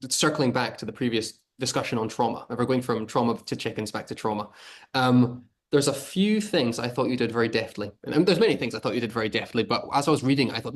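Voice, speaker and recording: A man hosting a casual interview podcast, talking fast and spinning an animated anecdote. He sits at a mid pitch for a man and keeps things chatty. His voice comes through a video call. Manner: quick, chatty, animated storytelling. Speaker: podcast host.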